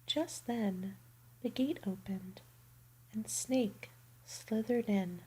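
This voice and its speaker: Slow, soothing whispering woman. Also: medium pitch, a little mellow, breathy edge, rough recording. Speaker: ASMR roleplay performer. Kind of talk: ASMR bedtime roleplay.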